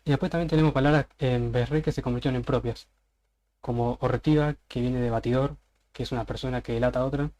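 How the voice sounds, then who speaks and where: An Argentine man giving a casual presentation on a voice chat server, walking through words with plenty of examples. His voice sits at a middling pitch and stays fairly flat, with little rise and fall. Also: fast. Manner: casual, explains slang word by word with examples.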